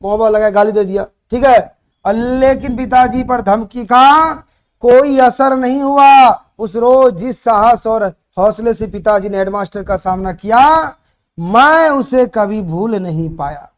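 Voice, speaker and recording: A man explaining a story chapter to students for their board exams. He retells it in lively bits, acts out the characters' shouts and keeps asking his students questions. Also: extremely high pitch, measured pace. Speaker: teacher.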